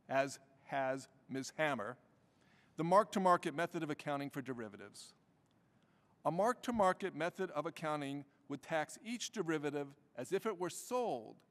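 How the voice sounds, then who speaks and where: A man in his fifties reading prepared testimony at a hearing in a measured way. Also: on the high side. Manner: measured, reading prepared remarks with bursts of speed. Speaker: tax lawyer testifying as witness. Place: large hearing room. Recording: long reverb of a hearing room.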